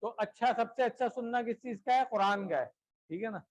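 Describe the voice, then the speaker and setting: A man's voice: extremely high pitch, highs cut off. A man teaching a class, patiently drilling verb forms and often checking that students have understood. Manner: slow, deliberate repetition of word lists.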